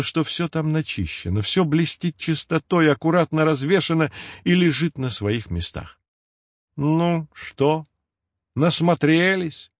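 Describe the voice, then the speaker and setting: Man narrating a lively fairy tale. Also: a little high, no room sound, lo-fi sound. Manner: lively, storytelling.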